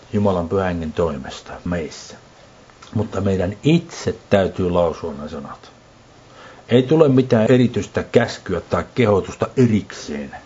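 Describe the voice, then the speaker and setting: Middle aged guy preaching slow and deliberate, husky low voice, dull old-sounding recording. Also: mellow. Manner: slow, deliberate teaching with repeated lists. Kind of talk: sermon teaching on speaking in tongues. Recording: muffled lo-fi recording.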